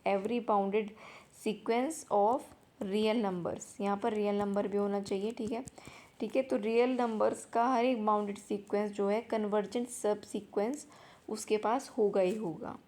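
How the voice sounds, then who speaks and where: A young woman teaching an exam revision lesson in mathematics, explaining step by step, repeating key points slowly and often checking that students have understood. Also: medium pitch, fairly even intonation, a little mellow. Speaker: maths teacher.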